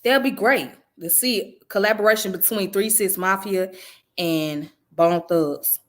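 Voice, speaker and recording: A woman's voice: medium pitch, unhurried, fairly bright tone. Blunt profane woman vlogger. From US South. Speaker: channel host. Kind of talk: casual commentary vlog.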